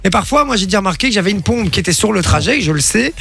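A man's voice: high-pitched, expressive, very fast, gravelly, a bit bright, husky. A man hosting an evening radio show, chatting casually and running games. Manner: joking, running a game. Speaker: radio host.

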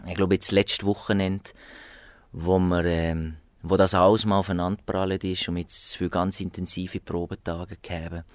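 This radio interviewee is a low-pitched Swiss German-accented man, an arranger and saxophonist, speaking at normal speed with flat delivery and no room sound. He answers hesitantly and thoughtfully, with lots of fillers and restarts.

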